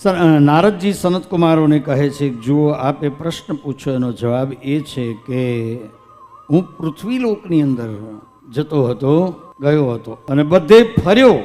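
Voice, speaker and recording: Brief: Gujarati male storyteller, fairly high voice, sings the verses then explains them, long hall echo. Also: darkish tone. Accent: Gujarati, from Saurashtra. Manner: recites verses in a singing lilt, then explains them plainly. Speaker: religious storyteller. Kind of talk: devotional story sermon with chanted scripture. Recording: long hall reverb with faint music.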